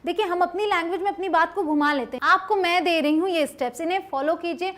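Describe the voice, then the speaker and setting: A young woman teaching spoken English, coaxing and chatty. She poses questions to the viewer and answers them herself, and slows down to model English phrases. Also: very high voice, fairly bright tone.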